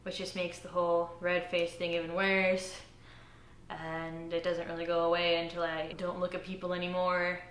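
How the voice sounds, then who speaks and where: A young college woman speaks in an interview, hesitant and self-conscious, filling gaps with little nervous laughs. Her voice sits a bit low for a woman. The recording rings with room echo over a faint ambient hum. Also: monotone, normal speed, fairly bright tone. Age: young adult. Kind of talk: personal interview.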